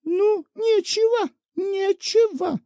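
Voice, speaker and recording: A man voicing a shrill, wheedling old woman petitioner in a high falsetto. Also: slow, mellow, no room sound, exaggerated voice. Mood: offended.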